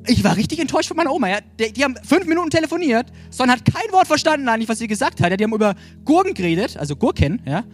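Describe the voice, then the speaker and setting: With faint music behind him, a young man from Franconia preaches energetically in a Franconian German accent, often calling "hey" and asking "ja?". His voice is very high-pitched and very fast, leaving hardly any pauses.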